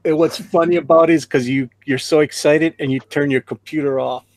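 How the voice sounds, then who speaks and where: A man's voice: a little high, fairly even intonation, brisk, dry recording. Teasing man on a dry mic. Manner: teasing, laughs at his own jokes. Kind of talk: casual live-stream chat.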